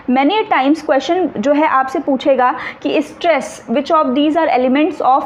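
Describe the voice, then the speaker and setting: A woman's voice: high voice, a little mellow, slight background noise. A woman teacher gives an exam-prep lecture. She explains step by step and often checks whether her students follow. The recording is a little dull, with faint room ambience behind her.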